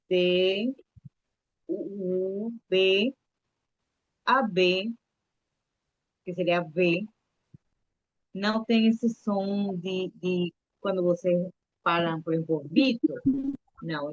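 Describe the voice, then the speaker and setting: A woman's voice: medium pitch, dry recording, lo-fi sound. A woman teaching a live online Spanish lesson to children, patiently repeating letters and coaxing the kids to answer.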